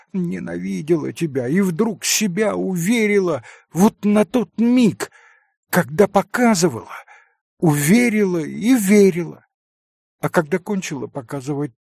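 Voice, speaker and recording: Man doing a fierce, raised, husky young woman for an audiobook; dry close sound. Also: high voice, a little mellow, no echo, pitched above the performer's own voice, full character voice. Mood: anguished. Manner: intense, breaking into sudden outbursts. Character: proud anguished young woman, fierce and self-punishing. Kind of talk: audiobook character reading.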